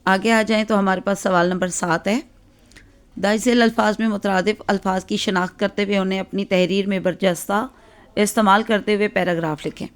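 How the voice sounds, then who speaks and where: A woman's voice: mid-range voice, fairly even intonation, clean tone. Patient Pakistani Urdu teacher, woman. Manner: patient, explanatory, frequent "theek hai" check-ins and "aa" fillers. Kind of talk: exam-focused grammar lesson.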